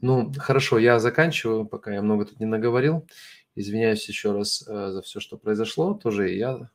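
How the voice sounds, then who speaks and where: Low, gravelly non-native Russian-speaking man. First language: not Russian. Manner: halting, searching for words; apologetic, earnest. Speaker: host of an online religious ministry broadcast. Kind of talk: informal livestream address to viewers.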